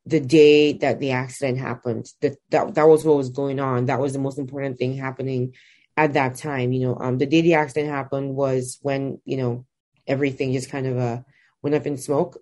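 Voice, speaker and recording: A woman's voice: a bass voice, warm tone. A woman in her twenties from Nigeria, a guest telling her life story in a reflective way with many fillers. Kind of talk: personal storytelling interview.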